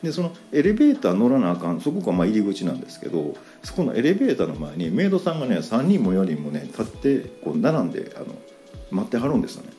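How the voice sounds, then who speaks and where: Man, Kansai accent, casual podcast storytelling, low voice, very lively intonation. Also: fast, soft background music. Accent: Kansai Japanese. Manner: animated, acts out quoted lines in a higher voice. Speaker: podcast host.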